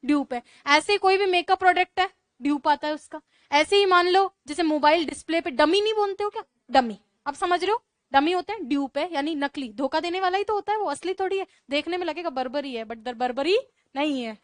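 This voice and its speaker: Female teacher, high pitch, dry close sound, brisk chatty classroom lecture. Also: dry recording. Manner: brisk, chatty teaching with rhetorical questions to students. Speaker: English vocabulary teacher.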